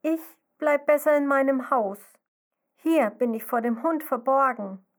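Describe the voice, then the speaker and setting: A woman's voice: high-pitched, measured pace, pitched above the performer's own voice. A woman voicing a timid, frightened baby snail girl in a children's story, refusing with fearful insistence. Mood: scared.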